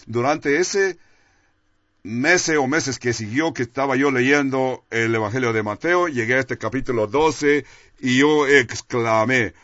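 A man delivers a sermon, telling his own story in an earnest, confessional way. His voice sits at an ordinary middle pitch. The recording is muffled and lo-fi, with almost no room sound. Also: unhurried, a bit bright, dry recording. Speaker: preacher. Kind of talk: sermon with personal testimony. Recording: dull, dry, lo-fi sound.

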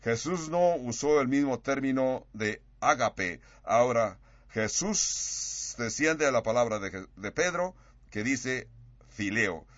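A man preaching a sermon, acting out quoted dialogue with big swings in pitch and loudness. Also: animated, takes it slowly, dry recording, dull audio.

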